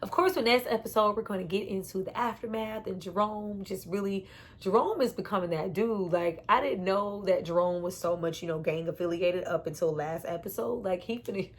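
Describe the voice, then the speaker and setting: A woman giving a casual, animated recap of a TV episode, chatty and quick to laugh and curse. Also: mid-range voice. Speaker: TV show reviewer.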